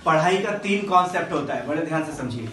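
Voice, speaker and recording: A teacher explaining grammar to a class, drawing words out slowly and quizzing the students. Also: mid-range voice, lively intonation, a bit bright. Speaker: English teacher. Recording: echoey classroom from a distance.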